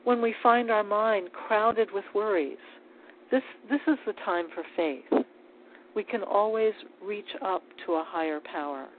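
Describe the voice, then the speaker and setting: A woman giving a calm, measured spiritual talk on prayer, with small restarts as she speaks. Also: mid-range voice. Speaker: spiritual teacher. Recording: tinny phone-like line with faint hiss.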